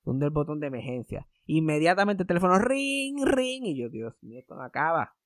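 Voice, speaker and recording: Man, sarcastic storyteller, acts out voices, fairly high voice, dry close mic. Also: expressive, fast, no room sound. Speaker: podcast host. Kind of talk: casual storytelling chat.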